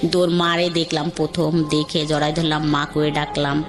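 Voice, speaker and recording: With music running underneath, a Bangladeshi-accented woman tells her life story casually and meanderingly. Her voice sits low and stays monotone at a moderate pace.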